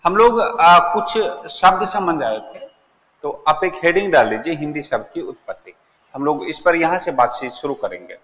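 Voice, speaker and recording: Lively male teacher in an echoey classroom. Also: fairly high pitch. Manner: asks the class questions and answers them himself; repeats key words slowly for emphasis. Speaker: Hindi grammar teacher. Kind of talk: classroom lecture. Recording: echoey classroom with long reverb.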